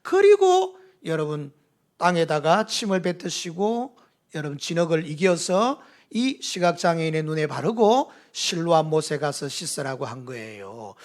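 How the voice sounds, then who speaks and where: A middle-aged man with a Gyeongsang accent preaches a sermon with animated delivery. His voice sits high and swings widely, and he slips into acted lines of dialogue in his regional dialect. The style is a church sermon. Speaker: pastor.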